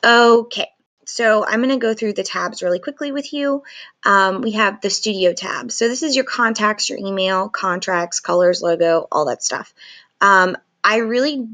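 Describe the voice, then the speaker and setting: A photographer in her thirties records an informal software walkthrough and review using screen capture and a webcam, speaking at medium pitch and moderate pace. She has a sore throat, so it's painful to talk. Her delivery is chatty and loose, packed with "likes."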